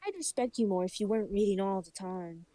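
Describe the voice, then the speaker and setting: A woman voicing a petulant young boy prince, soft and dark. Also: mid-range voice, fast, natural voice. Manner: pouting, petulant.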